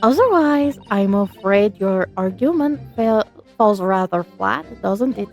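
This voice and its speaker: A woman's voice: medium pitch, lively intonation, a little slow, soft background music. A woman voicing a prim young female witness in a game, with a put-on French accent and a condescending manner. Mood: haughty.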